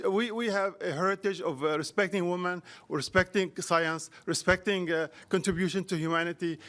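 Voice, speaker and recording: A man from Syria giving a public comment at a city council meeting, halting often with fillers and restarts. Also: high voice, fairly bright tone.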